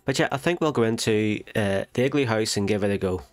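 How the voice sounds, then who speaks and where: A gaming channel host with a nasal, cold-stuffed voice chats through a casual let's play, thinking aloud and correcting himself along the way. His pitch sits fairly low and he talks fast over soft background music.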